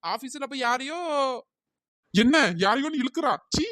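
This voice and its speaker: A voice actor playing a suspicious, dramatic young wife in a comic cartoon, wailing and accusing through a pitch-shifted cartoon voice. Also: lively intonation, moderate pace, a bit bright, no room sound. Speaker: cartoon character.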